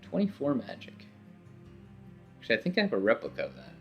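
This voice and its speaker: A man's voice: medium pitch, wildly swooping pitch, fast talker, creaky, muffled recording, soft background music. A young man rambling through casual let's-play commentary, swearing when frustrated, his voice getting worn from talking. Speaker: gaming video host.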